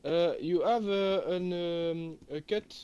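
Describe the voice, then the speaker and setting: A man with a French accent, speaking halting English and searching for words in an in-game chat. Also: high-pitched, fairly even intonation, warm tone, clear, resonant tone.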